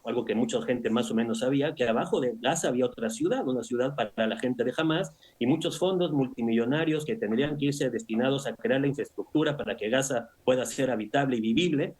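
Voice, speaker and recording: A man speaking as an analyst guest in a news interview, measured and analytical, often tagging his points with rhetorical questions. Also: medium pitch, darkish tone, breathy edge. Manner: measured, analytical, with frequent "o sea" and "¿no?".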